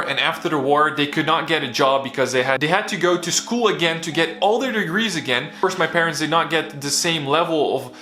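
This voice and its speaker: Here the same kind of speaker, a young vlogger who grew up in the Netherlands speaking Bosnian first, shares a personal motivational story earnestly and casually. His voice is a little high and sharp-toned, and the recording carries a roomy echo.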